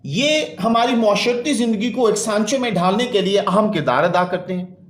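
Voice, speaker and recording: A man teaching a school English exercise. He reads each English line slowly and then translates it. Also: high voice, expressive, echoey room.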